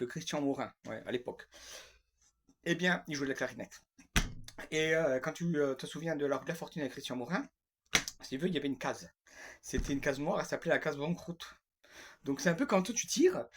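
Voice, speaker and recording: A man's voice: fairly high pitch, brisk, slight background noise. A man delivering a rambling, grumpy and sarcastic comic monologue, repeating himself often.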